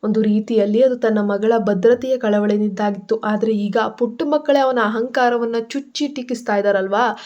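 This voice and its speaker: A woman narrating a scripted story with a steady, expressive reading. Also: mid-range voice, dull audio.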